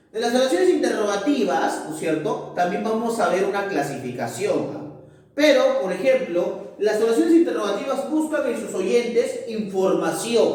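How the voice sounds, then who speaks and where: A man's voice: high voice, darkish tone. A man teaching a class, explaining step by step and often checking in with his listeners. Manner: explanatory, repeats "¿no es cierto?" and "ahí está". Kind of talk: recorded class lesson. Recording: very echoey room, far from mic.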